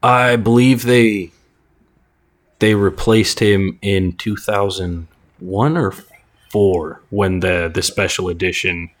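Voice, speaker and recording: Low-voiced male co-host, teasing asides. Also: fairly even intonation, slow. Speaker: podcast co-host. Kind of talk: casual movie discussion.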